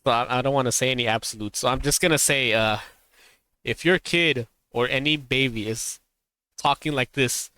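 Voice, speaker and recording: Reacting to a video in a casual live stream, a man rambles, laughs easily and hammers his warnings home with emphasis. His smooth, resonant voice is medium in pitch with a sharp tone and normal speed, recorded dry and close with no room echo.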